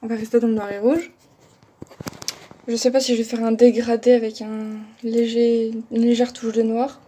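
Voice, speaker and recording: A woman's voice: a little high, level tone, normal speed, mellow, slight background noise. A young woman chatting casually through a makeup tutorial, talking as she works and making fun of herself. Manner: chatty, self-deprecating, talks while working. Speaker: makeup vlogger.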